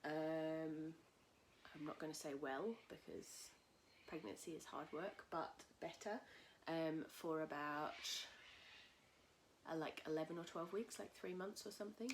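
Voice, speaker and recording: Husky woman, low-voiced and chatty. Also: measured pace, slight background noise. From England. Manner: chatty and rambling, with many fillers. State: husky from a cold. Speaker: podcast host. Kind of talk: casual knitting podcast chat. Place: at home in a tiny house. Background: cockatoos calling outside.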